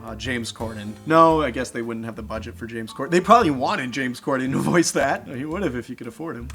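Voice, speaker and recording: Bright, excitable young man doing sarcastic commentary. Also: medium pitch, quick pace, faint music behind. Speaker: video host. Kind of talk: reaction commentary.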